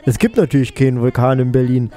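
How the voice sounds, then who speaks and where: A man's voice: mid-range voice, fast talker, mellow, faint music behind. A male radio co-host reading quirky news items and adding dry, ironic remarks. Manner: dry ironic asides after each news item. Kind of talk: casual joking news reading.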